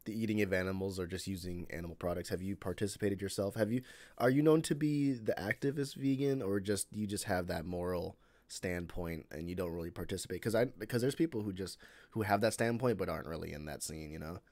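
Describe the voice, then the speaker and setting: A young streamer from Chicago hosts a casual live-stream chat in his Chicago accent, rambling through questions with plenty of fillers and restarts. His voice sits low and brisk with a darkish tone, and the recording has no echo.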